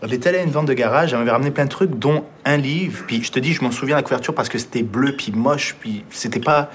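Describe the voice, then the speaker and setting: A man's voice: medium pitch, a little hiss or hum. A young man with a Quebec French accent, a filmmaker guest telling stories in a casual radio conversation, reflective and full of restarts. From Montreal. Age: young adult. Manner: fast, reflective storyteller with frequent restarts.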